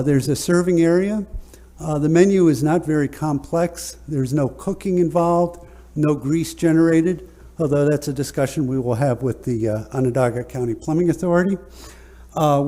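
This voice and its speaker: A man, an architect presenting a project at a public hearing in a relaxed, joking way with many fillers. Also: a little high. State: slightly out of breath at first.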